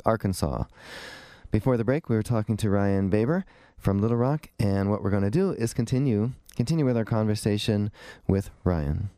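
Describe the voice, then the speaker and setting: A man's voice: lowish voice, dark tone, no room sound. A man hosting a conversational radio show, explaining things in an informal way. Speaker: radio show host, dentist.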